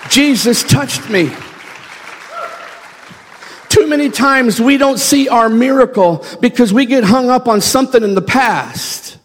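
A man's voice: very high voice, normal speed, hardly any pauses, a faint crowd, slight background noise. A man preaching a sermon as a missionary, telling his story and acting out the people he quotes. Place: church sanctuary. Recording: echoey church hall.

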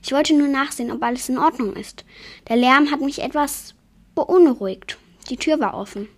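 A charming, well-mannered male vampire count, played by a woman reading aloud. He speaks in courtly, reassuring phrases with a light, somewhat high voice. The feel is a storybook reading. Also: normal speed, close to an everyday voice. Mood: apologetic. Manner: polite, gallant and reassuring.

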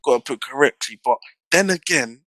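A man's voice: mid-range voice, expressive, fairly quick, sharp tone, no room sound. London roadman lad, dry close sound. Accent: London roadman, multicultural urban London slang. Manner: slangy, punctuated with check-in tags. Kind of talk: casual chat, debating opinions.

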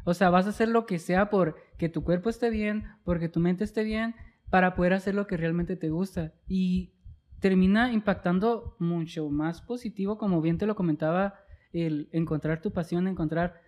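A woman's voice: fairly low pitch, a little mellow. Earnest woman guest giving motivational advice. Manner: earnest, motivational, long flowing explanations. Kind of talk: reflective conversational talk.

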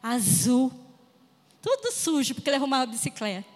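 A Brazilian woman preacher telling a funny personal testimony in an animated storytelling manner. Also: sits high, fairly quick, big-room sound. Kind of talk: humorous sermon testimony.

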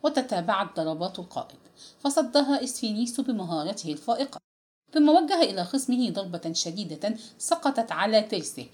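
A woman narrating a classical adventure novel aloud with a dramatic, expressive reading. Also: mid-range voice, a little fast. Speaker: audiobook narrator. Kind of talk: scripted storybook narration.

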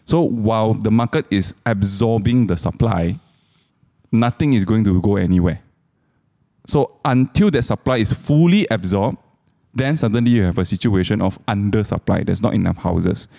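A man's voice: fairly low pitch, normal speed, vocal fry, dark tone. A man with a Malaysian accent explaining things casually as a co-host, in colloquial Malaysian English with local particles. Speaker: co-host commentator. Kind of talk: casual explanatory market chat.

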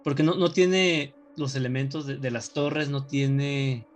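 A man's voice: medium pitch, fairly even intonation, unhurried. A man in casual chat, explaining a film in a joking, rambling way. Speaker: podcast co-host.

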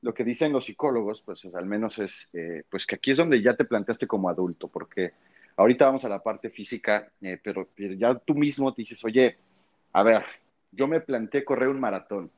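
A man's voice: on the low side, expressive, brisk, a little mellow. Man, 40s, chatty host, acts out quoted lines, dull lo-fi sound. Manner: storytelling with quoted dialogue, frequent tag questions. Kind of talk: casual conversation. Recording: dull lo-fi recording.

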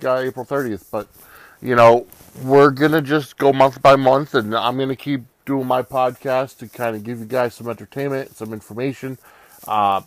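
A man's voice: medium pitch, no echo. A man hosting a sports podcast in casual talk, with a loose, rambling delivery. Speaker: podcast host.

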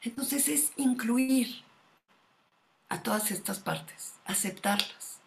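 A woman, speaking as a guest expert in a calm, measured, explanatory conversation and asking her listeners questions. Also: a little high, vocal fry, slight background noise.

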